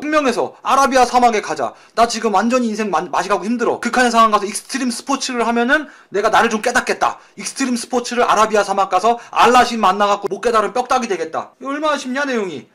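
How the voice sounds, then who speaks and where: A man giving an exam-prep lecture as a tutor. He talks bluntly, jokes with crude slang, and acts out retellings in quick voices. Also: high voice. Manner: animated retellings with acted voices. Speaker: Korean-language exam tutor.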